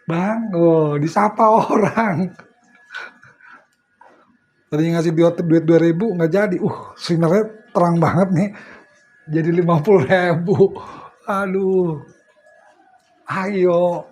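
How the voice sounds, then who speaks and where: A man's voice: high-pitched, slow pace, long pauses, a little mellow. A middle-aged man giving a casual religious study talk, telling stories and laughing often. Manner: chatty storyteller, often laughs. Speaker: preacher.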